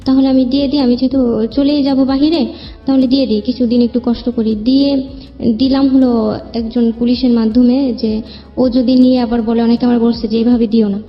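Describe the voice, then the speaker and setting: A young woman with a Bangladeshi accent tells her own life story as a guest in colloquial, loosely strung sentences. Her voice is high, steady, and brisk, and the recording is dull and lo-fi with long reverb and music behind her.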